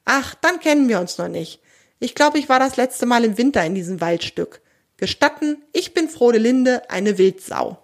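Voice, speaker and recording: A woman's voice: fairly high pitch, animated, moderate pace, pitched above the performer's own voice. Woman doing a proud wild sow. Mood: friendly. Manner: dignified, a little indignant. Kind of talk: children's audio story.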